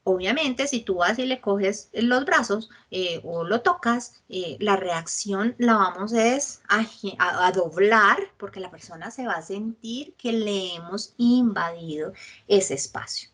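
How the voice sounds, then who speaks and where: A woman with a Colombian accent teaching a psychological first aid workshop, checking in often with her listeners and acting out lively examples. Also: medium pitch, measured pace. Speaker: workshop instructor.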